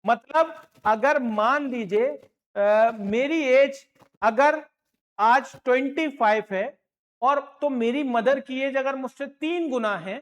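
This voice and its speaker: Male maths tutor, slow and deliberate, patient and encouraging, repeats every step and slips English terms into his explanations. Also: very high voice. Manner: encouraging, repeats points, calls students "my children". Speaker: maths teacher. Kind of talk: online classroom lesson.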